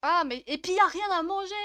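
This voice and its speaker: Une jeune streameuse à la voix haute et claire commente sa partie en bavardant, pleine de rires et de taquineries envers les personnages. Le son est sec et proche, sans résonance de pièce. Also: female voice, very high voice, normal speed, a bit bright, no echo, clean studio sound. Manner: chatty, laughs often, teasing the game characters. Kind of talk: casual let's-play commentary.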